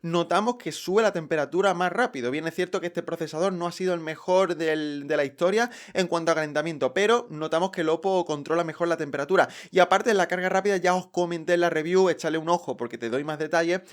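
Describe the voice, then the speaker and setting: Un hombre con acento de España que presenta reseñas de tecnología en tono informal. Tiene la voz bastante aguda y habla de forma juguetona, charlatana y enérgica. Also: male voice, on the high side, fast talker, hardly any pauses. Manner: playful, chatty, energetic. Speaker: tech reviewer, host. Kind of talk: casual tech review vlog.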